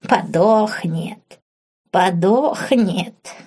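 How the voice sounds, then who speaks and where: A woman voicing an ancient, half-mad witch, three hundred years old, who talks calmly one moment and shrieks the next. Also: mid-range voice, very slow, husky. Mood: cackling. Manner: shifts between calm, shrieking and cackling.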